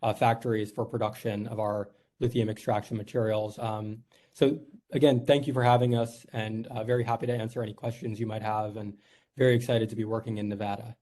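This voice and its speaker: A man's voice: lowish voice, flat delivery, brisk, warm tone. A man from New York, a company executive giving a formal presentation at a board meeting, earnest and polite, with frequent "uh"s. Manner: earnest, filler-heavy, polite.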